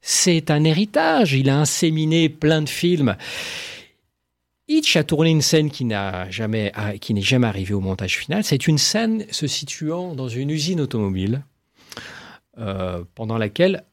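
A man giving enthusiastic film commentary, animated and full of exclamations and quick asides. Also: mid-range voice.

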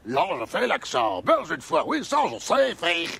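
An actor playing a nervous French customs officer who tries to calm a hostile neighbor with jokes and pleading. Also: male voice, fairly high pitch, a little fast, slightly rough. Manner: placating, wheedling, jokey. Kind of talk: film dialogue.

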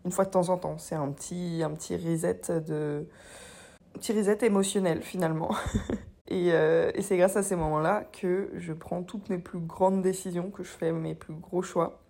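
A young woman with a hoarse, honking voice after being ill, talking casually and hesitantly about herself as a solo podcast host. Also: on the low side, fairly even intonation, moderate pace, mellow. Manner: hesitant, rambling, self-deprecating. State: hoarse with a lingering cough after illness. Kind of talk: casual confessional solo talk.

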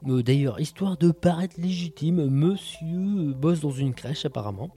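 Mellow, jokey man reviewing podcasts. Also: on the high side, lively intonation, moderate pace. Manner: jokey and sardonic, full of quips. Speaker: podcast host reviewing audio shows. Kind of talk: casual chat.

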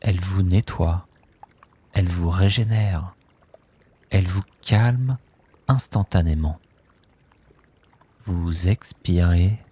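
A man leading a guided sleep meditation, speaking softly and calmly in drawn-out phrases with long pauses. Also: sits low, husky. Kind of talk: slow guided relaxation script.

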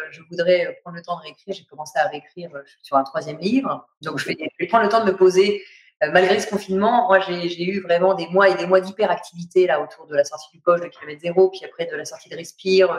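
Here a woman from France, an author, is interviewed casually at home during lockdown; she speaks reflectively and hesitates often. Her voice is medium-pitched, with a roomy sound.

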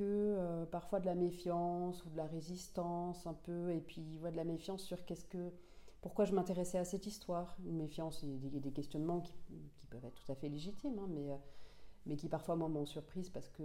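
A woman in her forties speaks in a low, very dark and mellow voice. She answers an interviewer thoughtfully, pausing often and restarting her sentences as she searches for words. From Finland, raised in Senegal. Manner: thoughtful, many hesitations and restarts. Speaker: author being interviewed.

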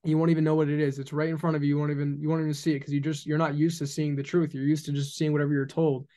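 A young man in his early twenties with a slightly high voice talks faith on a podcast. He is earnest and preachy, piling up repeated phrases as he makes his point. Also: little pitch movement, very fast, dark tone. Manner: earnest and preachy, acts out mock dialogues. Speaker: podcast guest. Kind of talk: casual podcast conversation about faith.

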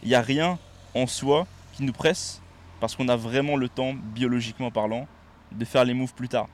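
A man co-hosting a podcast in casual chat, relaxed and switching into English words mid-sentence. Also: mid-range voice, moderate pace, a little hiss or hum. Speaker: podcast co-host.

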